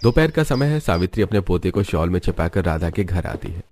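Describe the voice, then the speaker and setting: A man narrating a cartoon story in a plain, even scripted manner. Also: deep voice, fairly quick.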